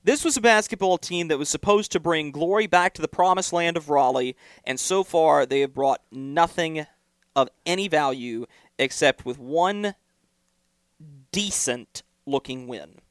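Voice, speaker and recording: A young man hosts a college sports podcast, delivering blunt, punchy opinions. His voice sits a little high for a man. The recording is dry and close, with no room sound. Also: measured pace, no room sound. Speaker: sports talk host.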